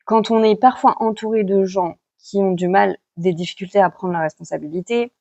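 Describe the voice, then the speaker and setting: A woman's voice: mid-range voice, fairly even intonation, normal speed, gravelly, dark tone, no echo, dull audio. A woman reading tarot cards for weekly guidance in a casual, chatty way, with many fillers and self-corrections. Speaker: tarot card reader giving weekly guidance. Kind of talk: casual spoken vlog.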